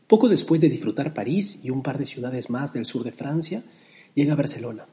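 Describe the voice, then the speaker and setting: Mellow-voiced man recounting memories. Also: mid-range voice, animated. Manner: nostalgic, measured storytelling. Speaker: narrator. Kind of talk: personal travel story narration with poem recitation.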